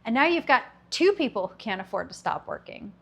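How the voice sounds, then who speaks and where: A woman's voice: on the high side, sing-song, a little fast, faint music behind. A woman in her fifties hosting a commentary video, talking in a wry, sarcastic way and laughing between her jokes. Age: 50s. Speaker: video host. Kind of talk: scripted commentary monologue.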